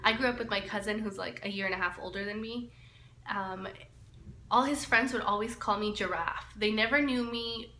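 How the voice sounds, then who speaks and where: Laughing a lot and often trailing off, this woman in her twenties, originally from El Salvador, chats to camera for a get-to-know-me lifestyle vlog. Her mid-range voice is pushed and bright at a normal speed, heard in an echoey room with faint hiss.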